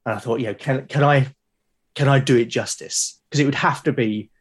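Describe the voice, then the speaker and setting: Speaking briskly with a breathy edge and medium pitch, a British podcast guest chats casually in an interview. He sounds keen but hesitant, frequently repeating himself as he goes.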